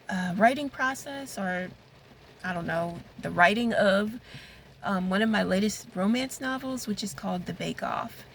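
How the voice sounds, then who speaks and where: A woman's voice: mid-range voice, rough recording. A woman author talking casually in a vlog from inside a parked car, rambling and thinking aloud with many fillers and restarts. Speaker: romance author. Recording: faint rain noise on the car. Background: rain falling on the car.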